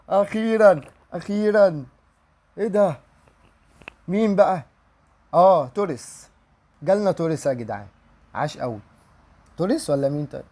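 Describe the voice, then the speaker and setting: A man's voice: fairly high pitch, warm tone. A young man with an Egyptian accent commenting on game pack openings, pleading for good luck and repeating his wishes aloud. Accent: Egyptian Arabic. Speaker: gaming YouTuber.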